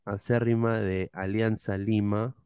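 A man hosting a casual sports podcast, joking and reading out chat messages in a halting way. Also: on the low side, flat delivery, a little mellow, smooth, no echo. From Peru. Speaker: podcast host.

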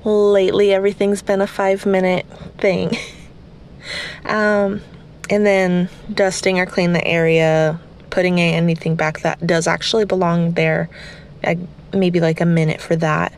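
A woman hosting a podcast, talking through a casual guided cleaning session early in the morning at home, her voice slightly raspy from just waking up, chatty and rambling with self-deprecating asides. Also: on the low side, level tone, measured pace, darkish tone, slight background noise. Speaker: podcast host.

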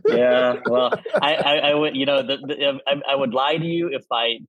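A man, a urologist guest on a podcast, calmly explaining medical issues in plain words. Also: mid-range voice, moderate pace, no echo, muffled recording. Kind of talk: explanatory interview answers.

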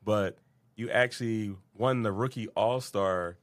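Casual low-voiced male podcast host. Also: measured pace. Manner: rambling, repeats words, many fillers. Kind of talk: casual interview questions.

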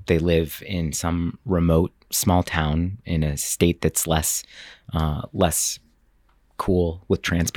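A man's voice: deep voice, no echo, studio quality. A man talking earnestly about the camp he founded, rambling with fillers and restarts, choked up at times. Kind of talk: interview clips.

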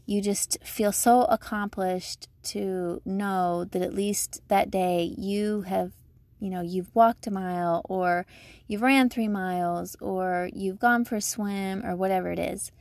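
A woman's voice: mid-range voice, fairly even intonation, slow pace, a little mellow, no echo. A woman giving casual motivational advice like a vlogger, chatty, emphatic, upbeat and encouraging.

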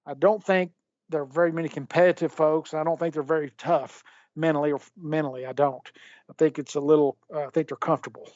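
Halting man on a muffled line. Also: fairly high pitch, fairly even intonation, a little mellow, no echo. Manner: halting, repeats words, many fillers. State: hiccups. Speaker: guest, former sports executive. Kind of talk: candid phone interview.

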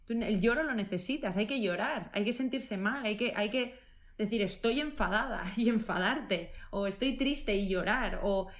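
A woman nutritionist, answering interview questions casually and with enthusiasm. She thinks aloud, often rephrasing herself and filling pauses. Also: mid-range voice.

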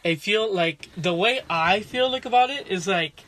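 A man's voice: high voice, moderate pace, pushed and bright. A young man co-hosting a casual podcast inside a closet, rambling with lots of filler words. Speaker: podcast co-host. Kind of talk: casual chat. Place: inside a small closet at his parents' house.

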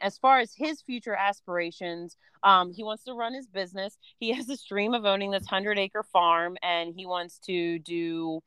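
Woman, 30s, podcast co-host, casual frank chat, lots of fillers, mid pitch, dry close recording. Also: fairly bright tone, smooth, dry recording, rough recording. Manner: chatty, frank, many fillers like "um" and "you know". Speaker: podcast co-host, homeschooling mom.

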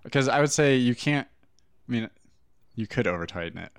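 A man's voice: mid-range voice, animated, a little fast, smooth. A man co-hosting a podcast, chatting casually in loose run-on thoughts about bike repair. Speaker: podcast co-host, bike mechanic.

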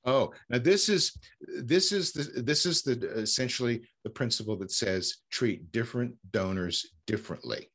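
A man's voice: medium pitch, a bit bright, slightly rough. A man speaking as a fundraising consultant in an interview, explaining with frequent fillers and restarts. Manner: halting, many fillers and restarts. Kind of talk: conversational interview answers.

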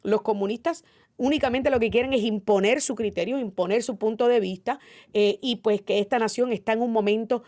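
A woman's voice: fairly high pitch, fairly quick, darkish tone. A woman hosting a call-in political talk radio show, speaking in an opinionated, emphatic way with frequent "eh" fillers.

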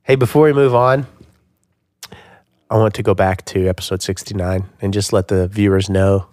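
A man's voice: lowish voice, steady tone, normal speed, darkish tone, no room sound, clean studio sound. A man co-hosting a podcast, chatting in a playful, jokey way. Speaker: podcast co-host. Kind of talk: casual podcast chat.

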